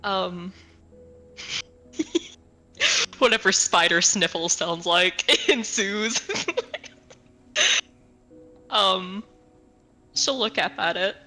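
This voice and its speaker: A woman's voice: medium pitch, drawn-out words, pauses often, pushed and bright, soft background music. A woman playing a tabletop role-playing game, casually narrating her character in a giggly, hesitant way, thinking aloud.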